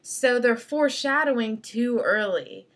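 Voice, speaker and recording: A young adult woman chatting casually as a video blogger, giving opinions in a slangy, emphatic, animated way with exasperated emphasis. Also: fairly high pitch, a little slow. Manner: animated, acts out mock quotes. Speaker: video blogger reviewing film clips. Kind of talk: casual opinionated vlog chat.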